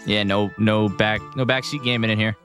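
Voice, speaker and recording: A man's voice: on the low side, fairly even intonation, moderate pace, fairly bright tone, soft background music. Chatty male game streamer. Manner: chatty, answering chat as he plays. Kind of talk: casual gameplay commentary.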